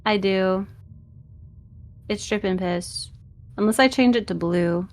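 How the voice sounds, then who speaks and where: A woman's voice: mid-range voice, takes it slowly. A woman streaming a game, chatting casually with a playful, sarcastic edge. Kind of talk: casual live-stream chat and game commentary.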